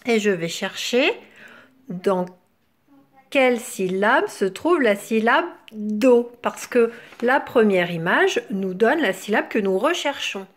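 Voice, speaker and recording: Slow, sing-song woman teacher. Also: a little high, animated. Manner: syllable-by-syllable enunciation, drawn-out words. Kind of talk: slow, careful classroom explanation for young children.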